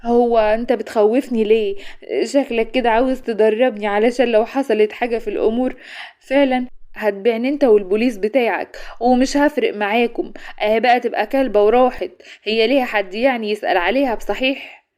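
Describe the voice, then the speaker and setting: A woman's voice: a little high, steady tone, fast, a little mellow, close to an everyday voice. A woman with an Egyptian accent playing an anxious, protesting young woman in a spoken story. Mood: weary. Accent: Egyptian Arabic. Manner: pleading, protesting, fretful.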